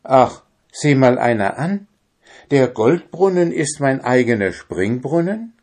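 A man's voice: mid-range voice, very animated, takes it slowly, darkish tone, pitched above the performer's own voice, full character voice. A man doing a flustered bearded dwarf. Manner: flustered, anxious. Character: fretful bearded male dwarf.

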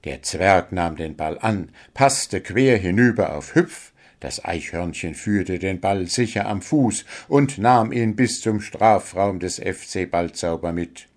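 A man narrating a children's story in a slow, measured way. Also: low voice, lively intonation, darkish tone.

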